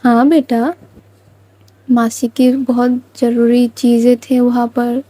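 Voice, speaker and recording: A woman voicing a gentle young mother who patiently soothes and coaxes her little child, as part of a storybook narration. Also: a little high, flat delivery, slow, slight background noise, rough recording. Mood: gently explaining. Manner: soft, coaxing, patient. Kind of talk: storybook narration with voiced lines.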